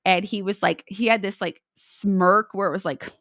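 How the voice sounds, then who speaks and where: Speaking at a moderate pace in a medium-pitched, fairly bright voice, this young podcast co-host keeps the chat casual and full of fillers. She records remotely on her own mic, and the sound is clean, studio-like and echo-free.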